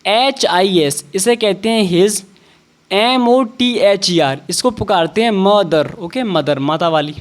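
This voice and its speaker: Slow-talking male teacher. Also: high voice. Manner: spells words letter by letter, then says each one. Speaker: English teacher. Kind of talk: slow spelling-out English lesson.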